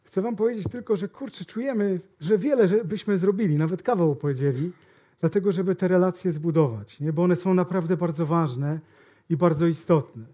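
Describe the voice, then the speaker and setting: A man as a sales trainer, telling an anecdote to his audience in a lively, direct way. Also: high-pitched, a little fast. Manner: lively storytelling, talking straight to listeners. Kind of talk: anecdote told to a live audience.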